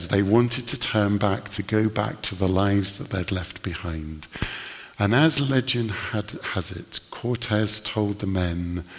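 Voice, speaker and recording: A man preaching a sermon, telling stories earnestly with slow, emphatic pauses. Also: on the low side, big-room sound.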